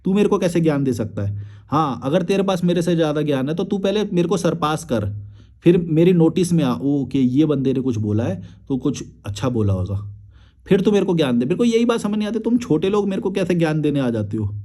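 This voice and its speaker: A man's voice: high voice, lively intonation, fast talker, mellow. A young man, a YouTube creator, replying to viewer comments in a blunt, crude and combative rant with frequent swearing.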